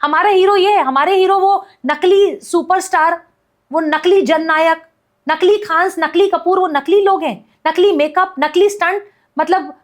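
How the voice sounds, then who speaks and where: A woman activist talking as a guest on a podcast, her voice pitched very high. She argues with heated conviction, piling up repeated phrases and rhetorical questions. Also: a little slow. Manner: forceful, repetitive rhetorical ranting. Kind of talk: impassioned podcast commentary.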